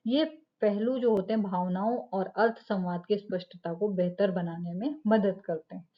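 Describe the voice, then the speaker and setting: A woman's voice: medium pitch, moderate pace, highs cut off. A woman teacher giving a lecture, explaining step by step, asking rhetorical questions and checking in with "ठीक है". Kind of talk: classroom lecture.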